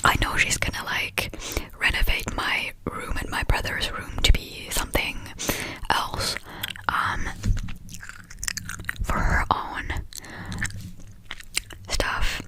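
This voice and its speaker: A young woman from Finland whispering a fast, scattered, casual ASMR ramble with breathy delivery and frequent hesitations while chewing gum. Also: poor audio. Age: young adult, about 18. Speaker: ASMR creator.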